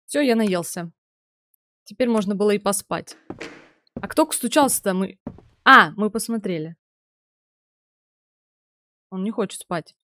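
A woman's voice: mid-range voice, animated, measured pace, pauses often, sharp tone. A young adult woman giving casual muttered commentary on a horror game as she plays, reacting aloud. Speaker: game streamer. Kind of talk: horror game let's play commentary with read-aloud subtitles.

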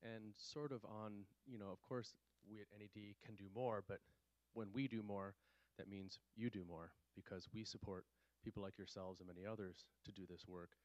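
A man in his fifties with a very low voice speaks from the audience of a conference room, holding a handheld mic. The sound is dry and a little dull, and he builds his challenge slowly with hesitant fillers. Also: fairly even intonation, no echo. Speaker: program staff asking a question. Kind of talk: audience question at a panel.

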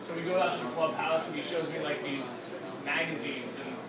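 Speaking fairly quickly at a fairly high pitch, a stand-up comedian from upstate New York delivers a loose, crude open-mic set into a handheld mic. He rambles, leaning on "like" and "okay?", on a small, dark theater stage before a live audience. The room echoes, and crowd laughter is audible.

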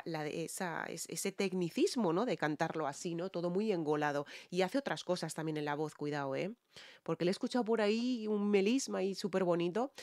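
Low-voiced Spanish vocal coach, dry sound. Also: female voice, a little mellow, dry recording. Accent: Spain Spanish. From Spain. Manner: explanatory, checks in with viewers often. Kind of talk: song reaction and vocal analysis.

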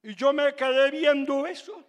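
An older man with a Venezuelan accent, a pastor telling a personal testimony in a sermon, dramatic and emphatic with bursts of shouting. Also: very high voice, steady tone, moderate pace, in a large hall, dull audio. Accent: Venezuelan Spanish.

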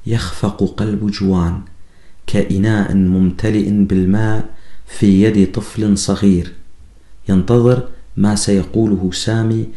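A man reads his own novel in measured, unhurried storytelling. His voice is low and mellow. The recording carries a noticeable room echo. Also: little pitch movement. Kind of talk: audiobook narration. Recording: echoey room.

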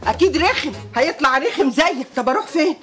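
A man's voice: very high voice, animated, fast, a bit bright, soft background music. An actor playing a grumpy man woken at dawn by a call, grumbling about his troubles. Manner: groggy then grumbling. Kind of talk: comic TV drama acting.

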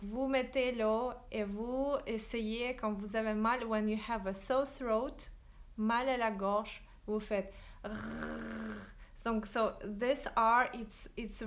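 A woman teaching French in a livestream, drilling verb forms slowly and switching into English to explain. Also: on the high side. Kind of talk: livestreamed language lesson. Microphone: phone livestream.

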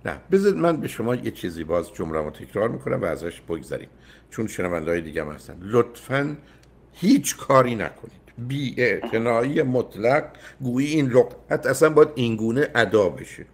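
A man's voice: fairly low pitch, big pitch swings. An older man hosting a call-in advice show, emphatic and often cutting in with repeated no's. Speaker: radio psychologist host.

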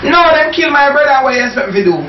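High-pitched brash Caribbean gangster played by a man. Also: expressive, fast. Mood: defiant. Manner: boastful, repetitive slangy talk. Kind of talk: amateur comedy skit acting. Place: small tiled bedroom. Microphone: camera microphone across the room. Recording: roomy, dull, noisy distant camera audio.

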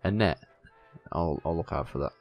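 A man hosting a gaming video, giving casual, excitable, mildly sweary commentary as he plays with a friend. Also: low voice, moderate pace, faint music behind.

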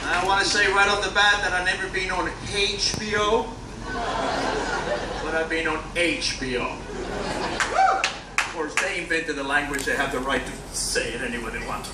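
A man's voice: on the high side, moderate pace, pauses often. A man doing a stand-up set on a big theater stage, punchy and teasing the crowd. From Cuba. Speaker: stand-up comedian. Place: large cruise ship theater stage. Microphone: handheld mic, filmed from far back in the hall. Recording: roomy theater sound from far off, loud crowd and noise.

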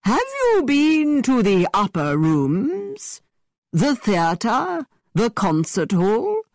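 A woman voicing a witty, playful young gentleman who teases in a mock-theatrical way. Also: on the high side, wildly swooping pitch, extremely slow, creaky, no room sound, studio quality, voice pushed up, full character voice. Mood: teasing.

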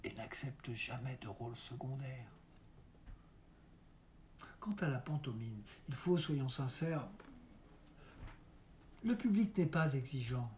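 A man reading as an aging mime coaching his son, slow and mellow. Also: medium pitch, expressive, a little hiss or hum. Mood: coaxing mentor. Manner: earnest, coaxing, drops to soft hushed asides. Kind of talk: dramatic monologue reading.

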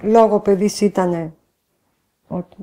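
A woman's voice: medium pitch, fairly even intonation, warm tone, low-quality recording. An older grandmother giving documentary testimony, retelling conversations and repeating "she says". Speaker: interviewee, grandmother.

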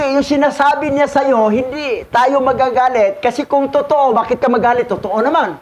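An extremely high-pitched man teaches as a religious instructor, remarking on a reading in a casual, repetitive manner while chuckling and slipping in English words. A little hiss or hum can be heard in the recording.

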